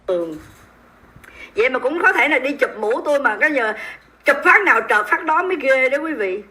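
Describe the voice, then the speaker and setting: A woman with a Southern Vietnamese accent hosts a livestream and comments on the news. She talks to her viewers in a high voice with a bright, sharp edge. Her delivery is emphatic and scornful. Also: expressive, normal speed. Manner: emphatic, indignant, mocking, speaks straight to viewers. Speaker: livestream host.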